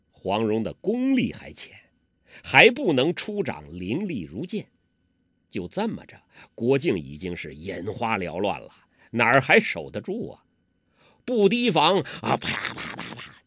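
Lively male storyteller. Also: medium pitch, unhurried, breathy edge, no echo, studio quality. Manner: lively, vivid, dramatic emphasis. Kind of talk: martial-arts novel storytelling.

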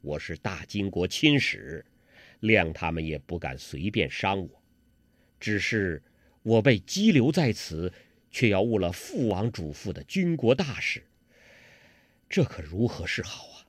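A male storyteller voicing a sly, self-important young nobleman held prisoner, speaking low and hushed. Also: big pitch swings, unhurried, no echo, heavily acted.

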